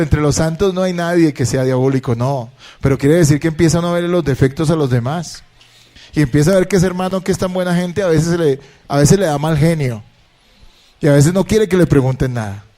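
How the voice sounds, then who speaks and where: Pastor guy preaching in church, fairly high voice but warm and soft, lots of rhetorical questions. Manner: preaching with rhetorical questions, by turns hushed and emphatic. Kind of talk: sermon. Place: church service.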